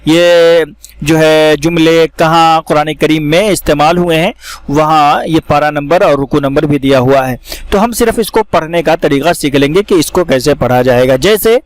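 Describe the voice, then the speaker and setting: A man teaching how to read the Quran, explaining each word and then reciting it slowly with drawn-out vowels. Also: on the high side, no echo. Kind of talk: step-by-step recitation lesson.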